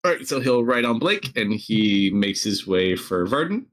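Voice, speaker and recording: Guy game master narrating a tabletop session off the cuff, really lively up and down pitch. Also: normal speed. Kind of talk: casual improvised tabletop narration.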